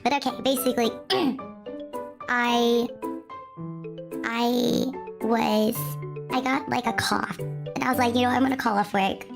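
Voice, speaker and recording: A woman's voice: on the high side, fairly even intonation, unhurried, pauses often, over music. A woman livestreamer chatting casually with her viewers, her voice run through a voice changer filter because illness has taken her own voice. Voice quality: gravelly. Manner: chatty and scattered, with frequent restarts and self-deprecating asides. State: lost voice from illness, speaking through voice mod. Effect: voice changer filter altering her voice. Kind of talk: casual chat with stream viewers.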